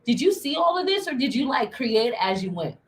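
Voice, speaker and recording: A woman co-hosting a casual chat, animated and playful, telling stories with a lot of expression. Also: on the high side, a little fast, slight background noise. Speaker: podcast co-host.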